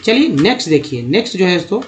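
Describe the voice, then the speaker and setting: A man teaching a spoken lesson over slides. He explains step by step, repeats words slowly and calls his viewers friends. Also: high-pitched, very animated, slight background noise. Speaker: English teacher.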